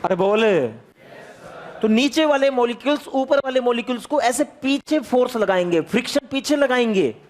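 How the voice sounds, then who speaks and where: High-voiced energetic male physics teacher. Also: fairly quick, few pauses. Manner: repetitive, calls on students, asks questions. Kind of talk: energetic classroom lecture. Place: classroom.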